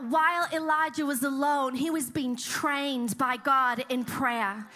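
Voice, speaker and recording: Bright high-voiced woman preaching. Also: takes it slowly. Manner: lively storytelling, chatty asides. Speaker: guest preacher. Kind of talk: sermon with interpreter.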